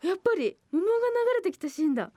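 A woman's voice: high voice, very animated, rapid-fire, darkish tone, dry recording, clean studio sound. A woman playing a puzzled schoolgirl. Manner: quizzical, muttered asides. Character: puzzled schoolgirl reading in a library.

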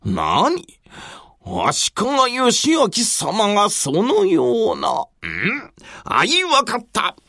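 A storyteller playing a gruff impatient warlord. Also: mid-range voice, wildly swooping pitch, slow, bright, forceful tone, dry recording, studio quality, exaggerated voice. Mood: stern. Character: bold impatient warlord, male middle-aged. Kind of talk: traditional storytelling.

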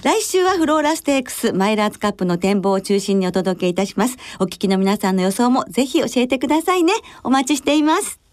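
High-pitched, animated female radio host. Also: fast, hardly any pauses, a little hiss or hum. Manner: courteous, formal sign-offs and interjections. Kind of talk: polite radio hosting and announcements.

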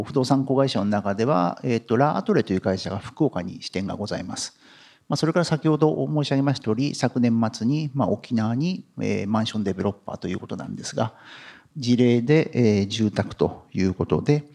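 A male company president gives a formal investor presentation in very polite business speech. His medium-pitched voice has a strong gravelly creak. He moves phrase by phrase, often stretching filler vowels as he goes. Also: animated, darkish tone. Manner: halting, drawn-out filler vowels between phrases.

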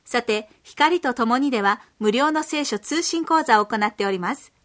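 A woman's voice: a little high, expressive, moderate pace, fairly bright tone. A woman making polite, formal scripted radio announcements.

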